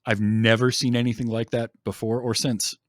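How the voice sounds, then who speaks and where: A man's voice: mid-range voice, flat delivery, moderate pace, no echo, studio quality. A man hosting a podcast, chatting casually and enthusiastically about a film with many ums. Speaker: podcast host.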